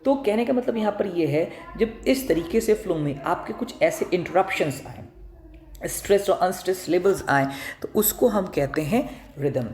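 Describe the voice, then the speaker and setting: A man's voice: sits high, lively intonation, moderate pace, darkish tone. Man lecturing in an echoey room. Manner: explanatory, asks rhetorical questions then answers them, often clears throat. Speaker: teacher. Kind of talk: exam-prep lecture mixing Hindi and English.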